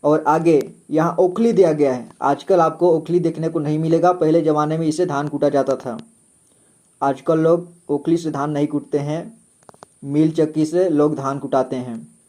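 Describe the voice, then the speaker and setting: Male teacher, slightly high mellow voice, slow and patient alphabet drill. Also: steady tone. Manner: slow, patient, repeats each letter several times. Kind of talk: slow step-by-step alphabet lesson.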